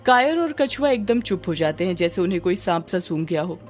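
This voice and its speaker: A woman narrating a dramatic story in an even storytelling manner. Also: fairly low pitch, brisk, faint music behind.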